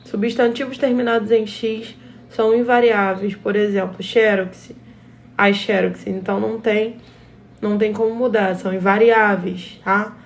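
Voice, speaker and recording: A woman's voice: medium pitch, level tone, unhurried, slight background noise. Brazilian woman teaching grammar, "tá?" after each step. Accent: Brazilian Portuguese. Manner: explains step by step, often adds a checking "tá?". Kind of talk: recorded grammar lesson for pupils.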